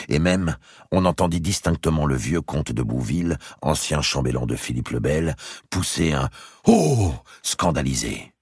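A man narrating a historical novel as an audiobook, in an expressive, dramatic storytelling manner. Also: rumbling low, husky, no room sound, clean studio sound. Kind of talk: literary narration.

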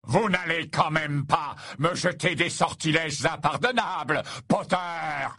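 A man's voice: fairly high pitch, lively intonation, a little fast, sharp tone, husky, no room sound, studio quality, full character voice. A man voicing a cold, disdainful male wizard who mocks his opponent in a sneering tone, in an audiobook reading. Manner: sneering, mocking.

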